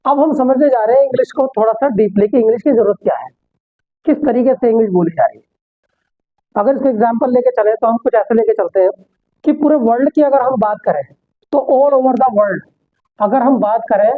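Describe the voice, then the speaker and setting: A man teaching an English class, explaining step by step and answering his own rhetorical questions. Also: very high voice. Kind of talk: classroom lecture. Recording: tinny phone-like sound.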